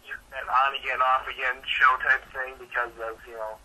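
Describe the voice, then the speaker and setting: Co-host, man, congested and husky, sharp bright tone, laid-back and jokey. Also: medium pitch, flat delivery, moderate pace, rough recording. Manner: easygoing, joking, filler-heavy. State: congested, stuffed-up sinuses. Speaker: sports show co-host. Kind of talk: casual sports talk show banter.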